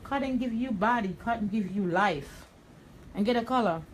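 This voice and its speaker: A hairstylist and educator with a Jamaican accent gives a live tutorial while cutting hair in a salon, speaking bluntly and directly. Her medium-pitched voice moves at normal speed on a rough recording with slight background noise.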